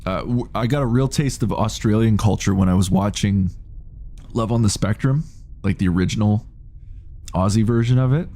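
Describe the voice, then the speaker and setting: Gravelly Canadian streamer, low and mellow. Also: male voice. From Canada, Ontario. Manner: rambling, self-interrupting, reads chat aloud. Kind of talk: casual live-stream chat while gaming.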